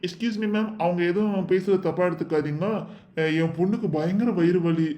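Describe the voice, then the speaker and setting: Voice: mid-range voice, brisk, mellow, echoey room, close to an everyday voice. A performer voicing a busy, worried father in a doll show, exasperated and urgent by turns. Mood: polite.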